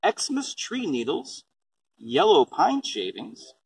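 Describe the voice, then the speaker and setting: A man with a fairly high, gravelly voice with a breathy edge reads a picture book slowly, his pitch swinging hugely. He's a parent chatting casually to a small child about composting, asking questions and keeping explanations simple. The recording has a distant mic and faint background noise.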